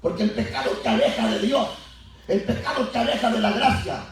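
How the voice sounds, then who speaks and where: Animated preaching man in an echoey church. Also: high voice, fairly quick. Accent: Latin American Spanish. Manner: animated preaching, acts out biblical voices, rising to shouts. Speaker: pastor. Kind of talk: Pentecostal sermon. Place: church sanctuary. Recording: echoey church heard from far off. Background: congregation answering.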